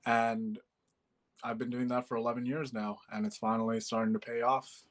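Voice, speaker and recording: A man's voice: mid-range voice, little pitch movement, normal speed. A man in his twenties from Bangladesh, a musician guest chatting casually in an interview, with many fillers and easy laughs. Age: 20s.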